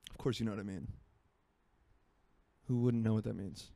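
A man's voice: fairly low pitch, moderate pace, creaky, warm tone. A man in his twenties from Florida, hosting a solo podcast in rambling, self-mocking casual chat from his home by a marina. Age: 20s. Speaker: podcast host.

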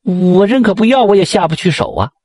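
A man voicing a gentle, kind-hearted poor village wife in a folk tale, with a husky voice. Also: high voice, very animated, fairly quick, no room sound, studio quality, pitched above the performer's own voice, exaggerated voice.

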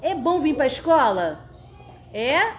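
A woman's voice: high-pitched, sing-song, slow pace. A woman, a preschool teacher coaxing small children in a school podcast interview. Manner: sing-song, coaxing, talks to small children.

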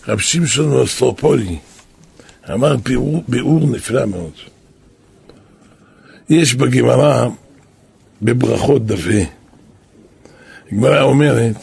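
A man who is a rabbi and kabbalist, giving a Torah sermon as a storyteller who breaks into shouts for emphasis. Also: mid-range voice, gravelly, husky.

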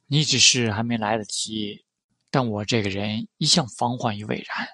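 A man voicing a calm, ruthless tycoon. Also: fairly low pitch, moderate pace, no room sound, studio quality. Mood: cold menace. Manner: calm, quietly menacing. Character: cold, ruthless powerful young tycoon, man.

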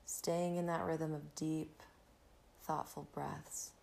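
A woman leading a guided meditation in a soft, soothing near-whisper, unhurried and gentle. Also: deep voice, flat delivery, gravelly, slight background noise. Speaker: podcast host and meditation guide.

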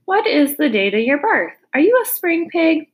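A woman's voice: high voice, normal speed, pitched above the performer's own voice. Woman doing a polite wise spider lady. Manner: polite, calm.

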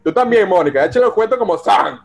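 A man's voice: sits high, animated, quick pace, gravelly. A man hosting a live online coaching talk over a video call, emphatic and speaking directly to listeners by name. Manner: emphatic, addresses listeners by name, frequent self-corrections.

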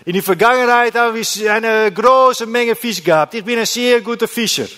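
A man voicing a boastful grown man who brags loudly about his fishing. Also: extremely high pitch, moderate pace, big-room sound, voice pushed up. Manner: loud, bright, overeager bragging.

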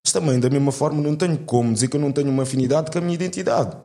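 A man's voice: fairly high pitch, very fast, vocal fry, warm tone. Heartfelt young man. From Portugal. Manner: heartfelt, argumentative, slangy. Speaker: guest. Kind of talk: earnest conversation.

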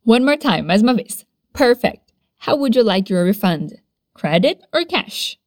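A woman leads an English lesson, drawing each phrase out in slow, exaggerated pronunciation for the listener to repeat. Her voice sits a little high and her pace is very unhurried. The recording is dry and close, with no room sound. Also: big pitch swings, a little mellow, no echo. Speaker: English teacher. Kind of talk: language lesson with repeat-after-me drills.

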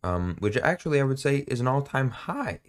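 A man's voice: mid-range voice, big pitch swings, a little fast. A man co-hosting a casual music podcast, talking in a rambling, hesitant, jokey way with many fillers. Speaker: podcast co-host. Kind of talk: casual chat.

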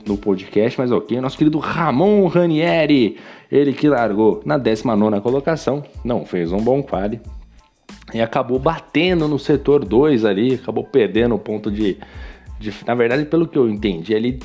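Brazilian male podcast host, casual ribbing race recap, mellow voice, faint music behind. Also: mid-range voice, breathy edge. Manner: teasing, chatty, addresses drivers directly. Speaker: podcast host recapping a sim racing league.

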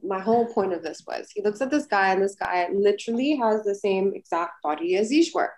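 A woman's voice: medium pitch, brisk. A woman co-hosting a casual chat, telling a long anecdote with lots of "like" fillers. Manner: rambling, animated, frequent "like" fillers. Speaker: podcast co-host.

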